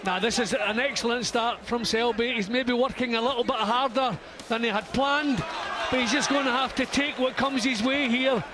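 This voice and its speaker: A man's voice: very high voice, fairly even intonation, moderate pace. A man giving analytical live boxing commentary from ringside as a co-commentator. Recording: crowd and arena noise behind.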